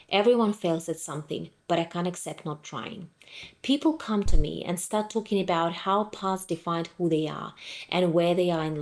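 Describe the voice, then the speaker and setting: A woman from Ukraine in her thirties with a lowish voice delivers a scripted motivational talk. She speaks in a firm, direct and emphatic way. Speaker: motivational vlogger.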